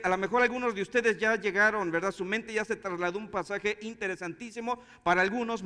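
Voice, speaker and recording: A man's voice: sits high, pushed and bright, big-room sound. A man with a Mexican accent, a pastor telling a story in a conversational way before preaching. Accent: Mexican Spanish. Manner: conversational storytelling, chuckling asides. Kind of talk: sermon with anecdote.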